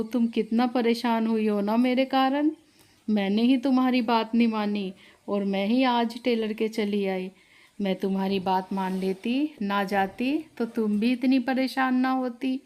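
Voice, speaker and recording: A woman voicing a gentle, remorseful elderly mother-in-law in a storybook tale, speaking softly and lower than her narrating voice. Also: lightly acted.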